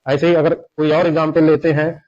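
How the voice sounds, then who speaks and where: Male teacher, slightly high voice, patient explainer, lo-fi mic. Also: little pitch movement, darkish tone. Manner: slow, explanatory, repeats examples. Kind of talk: Hindi grammar lesson lecture. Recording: dull lo-fi sound.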